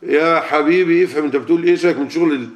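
A man's voice: fairly high pitch, rapid-fire. A man with an Egyptian Arabic accent preaching a sermon to a gathering, talking colloquially and often asking the audience questions. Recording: lo-fi muffled recording.

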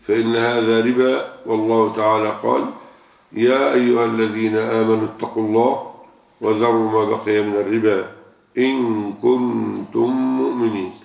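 A man's voice: on the low side, level tone, normal speed, gravelly, a little mellow. An older man with an Egyptian Arabic accent, a sheikh answering questions in a religious sermon, who asks rhetorical questions and repeats key words for emphasis. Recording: echoey room, far from the mic.

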